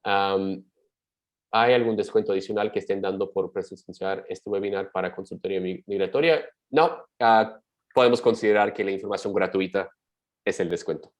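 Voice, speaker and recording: A man advising on migration, reading out viewer questions and answering them quickly while thinking aloud in a live webinar. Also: deep voice, poor audio.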